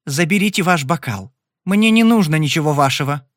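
A man's voice: very animated, brisk, a bit bright, no room sound, clean studio sound. A man doing a cold, haughty young woman. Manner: icy, haughty, rising to shrill.

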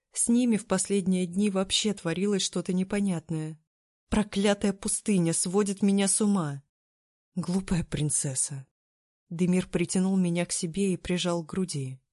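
A woman reading a novel aloud as first-person scripted narration, in a steady, even storytelling manner. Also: on the low side, no room sound, clean studio sound. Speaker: audiobook narrator.

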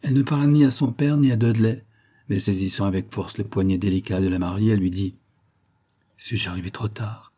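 A man narrating a novel in a steady, measured storytelling manner. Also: on the low side. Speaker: audiobook narrator. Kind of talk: scripted narration.

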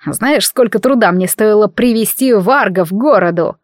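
A woman voicing a hateful, hysterical male theologian villain, with a nasal tone and hissing, drawn-out threats, in an audiobook reading. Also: mid-range voice, no echo, studio quality, close to an everyday voice. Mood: ranting. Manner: hissing, snarling, dragged-out threats.

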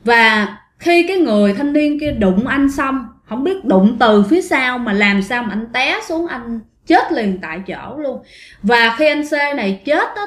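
Chatty woman storyteller. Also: a little high. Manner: chatty, addresses listeners often. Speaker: ghost story narrator. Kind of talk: casual spoken storytelling. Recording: roomy echo.

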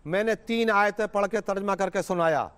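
A man's voice: high-pitched, fairly bright tone, clean tone. A man, a cleric guest in a heated TV debate, scolding indignantly and reciting scripture.

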